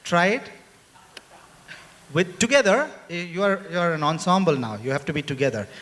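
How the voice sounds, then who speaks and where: A man leads a live lecture-demonstration, his voice sitting a little high and swinging widely as he playfully coaxes the audience to join in. The sound is roomy, with a long hall reverb and a faint hiss behind him. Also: animated, moderate pace, a bit bright. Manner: playful, coaxing the audience to chant along. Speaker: musician leading a lecture-demonstration. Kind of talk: interactive teaching to a live audience. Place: large indoor hall.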